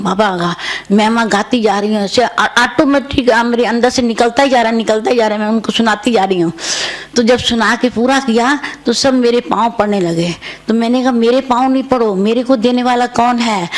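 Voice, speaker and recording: Older woman gently recounting spiritual dreams. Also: a little high. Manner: gentle storytelling, repeating phrases. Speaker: senior spiritual teacher. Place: retreat centre.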